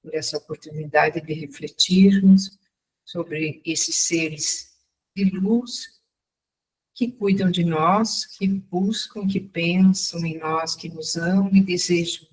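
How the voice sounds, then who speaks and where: A woman leading a closing prayer in a calm, reverent way. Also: on the low side, takes it slowly. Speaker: group member leading a prayer. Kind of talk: spoken prayer. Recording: distant from the mic.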